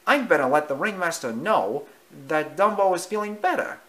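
A storybook reader voicing an earnest, eager little male circus mouse in a high voice. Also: expressive, moderate pace, a bit bright, lightly acted.

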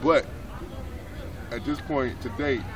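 A man's voice: mid-range voice, slow. A man in his forties, a minister, answering questions in a street interview in a city park, explaining earnestly and leaning on "so therefore". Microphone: camera mic at a few feet. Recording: distant outdoor mic, crowd noise behind.

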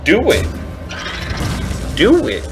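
A man casually commentating his own card game, teasing his opponent and slipping into mocking squeaky voices. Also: huge pitch swings, extremely slow. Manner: playful trash talk at opponent, swings into squeaky mocking voices. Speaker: gameplay streamer. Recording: game music behind voice.

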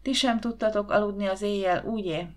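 A stern middle-aged aunt, read by a woman narrator in a storybook. She speaks curtly and with clear disapproval. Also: medium pitch, fairly even intonation, close to an everyday voice. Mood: disapproving.

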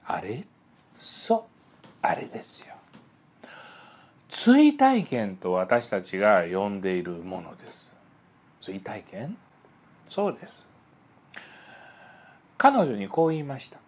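A man giving a psychology lecture, telling stories in an animated way and voicing the people in them. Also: on the low side, takes it slowly, pauses often. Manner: animated storytelling, voices the people in his stories. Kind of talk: spoken lecture with acted-out dialogues.

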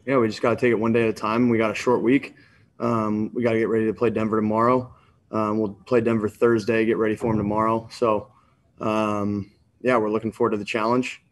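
A young quarterback speaks in a low, flat, subdued voice over a desk mic on a video call. He fills his answers with ums and the same stock phrases. It is a postgame press conference. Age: 20s. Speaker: football quarterback. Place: indoors in front of a sponsor backdrop.

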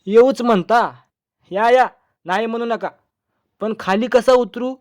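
A man's voice: very high-pitched, voice pushed up. A man doing a pompous foolish son-in-law. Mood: boastful. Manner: naive and boastful, chattering in quick bursts.

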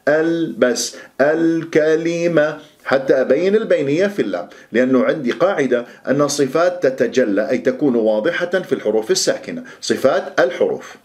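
A man gives a Quran recitation lesson at a medium pitch. He explains each rule in an everyday teaching voice, then slows right down to recite phrases with careful precision. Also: lively intonation, a little mellow.

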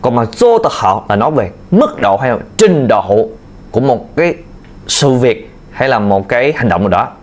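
A Chinese teacher from Vietnam leads a video language lesson, patiently repeating key points for his learners. His voice is medium-pitched and sing-song, at a moderate pace.

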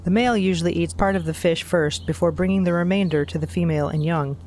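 A man reading scripted nature documentary narration in a measured, factual, explanatory manner. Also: a little high, a little mellow, slight background noise.

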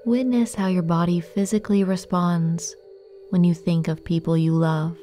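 A woman guides a meditation in a gentle, soothing way, taking her time and leaving long pauses. Her voice is lowish and her intonation fairly even, with faint music in the background.

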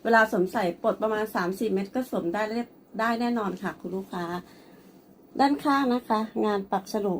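A woman's voice: medium pitch, a little fast, slight background noise. Polite woman showing off clothes for sale. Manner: polite, repeatedly addresses the customer. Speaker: online clothing seller. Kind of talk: product showcase sales pitch.

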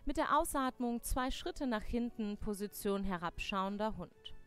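A young woman leads a live yoga class, cueing each breath and pose at an unhurried pace. Her voice is smooth and clean, and she corrects students with light teasing. Soft music plays faintly underneath. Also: medium pitch, expressive. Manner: clear step-by-step cues with light teasing corrections. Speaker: yoga instructor.

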